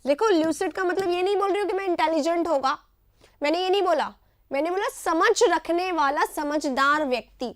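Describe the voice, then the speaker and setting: An Indian woman teaching English vocabulary in a live online class, her voice high and bright. She explains each word in short repeated phrases and keeps checking in with "right?". The sound is dry and close, with almost no room around her. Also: a little fast, no echo.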